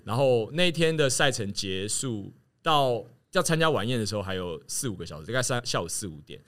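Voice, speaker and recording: A man telling a story in casual chat, animated and laughing as he acts out what others said. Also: medium pitch, a little fast. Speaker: podcast guest telling a story.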